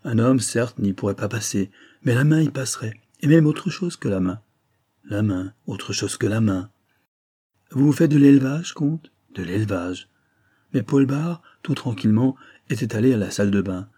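Un homme qui joue un inspecteur de police calme, ironique et raffiné, dans un livre audio lu. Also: male voice, mid-range voice, normal speed, husky, dry recording, clean studio sound. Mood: narquois. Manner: calm, ironic, gentlemanly.

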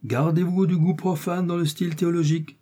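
A man's voice: fairly high pitch, little pitch movement, a little fast, warm tone, slightly rough, voice pushed up. A man voicing a zealous Jesuit priest who lectures in a raised, preachy voice. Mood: reproving.

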